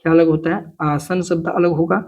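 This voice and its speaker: A man teaching Hindi grammar in an exam coaching lesson. He explains each step slowly, keeps checking that students follow, and answers for them in their own words. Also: on the high side, little pitch movement, a little mellow. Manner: voices students' replies; casual and familiar with students.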